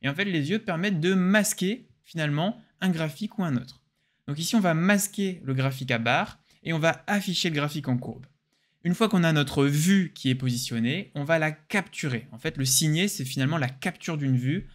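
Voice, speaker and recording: Upbeat French tutorial man, slightly high. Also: fairly quick. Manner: casual, joking, enthusiastic explainer. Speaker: software tutorial host. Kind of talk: screen-recorded software tutorial.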